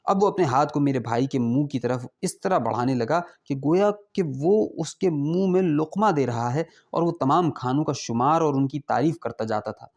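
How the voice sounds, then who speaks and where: A man narrating a classical tale in a measured, formal storytelling manner. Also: fairly high pitch, a little mellow.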